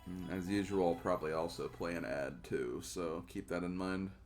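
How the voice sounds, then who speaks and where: A man's voice: low voice, normal speed, faint music behind. A young man streaming a game, chatting casually in a loose, rambling way full of fillers. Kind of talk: casual gameplay chat.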